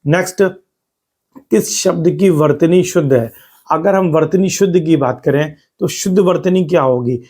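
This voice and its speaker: A man teaching exam spelling over slides, who repeats words slowly for stress and explains step by step. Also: fairly high pitch, dark tone, slightly rough. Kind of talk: spoken lesson over slides.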